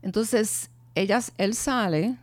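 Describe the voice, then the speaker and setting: Middle-aged woman, mid-range voice, heartfelt and halting testimony, dead-dry sound. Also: medium pitch, no echo. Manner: earnest, heartfelt, many pauses and restarts. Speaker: bereaved mother sharing her testimony. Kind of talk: personal testimony and talk on grief.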